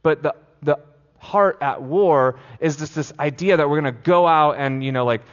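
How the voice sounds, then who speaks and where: A man, a pastor, giving a conversational sermon in a loose, casual way, full of fillers like "like" and quick restarts. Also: a little high. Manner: casual, filler-heavy preaching with frequent "like" and restarts. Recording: dull lo-fi sound with long hall reverb.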